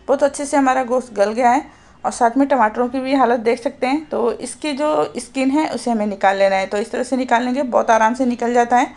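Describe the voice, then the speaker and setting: A woman hosting a cooking channel, calmly narrating a recipe step by step as a voice-over. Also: a little high. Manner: calm, instructive, explains each step.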